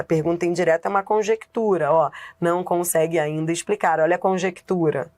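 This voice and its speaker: A woman teaching grammar in a lively exam-prep lesson, with a Brazilian Portuguese accent, asking herself rhetorical questions and laughing often. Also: lowish voice.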